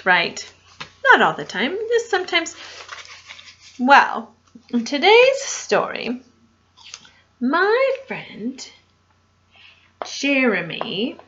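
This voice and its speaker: A woman reading a picture book aloud to children in an animated way, with asides and questions for her young listeners, on a dull lo-fi recording. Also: high-pitched, slight background noise. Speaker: storytime reader.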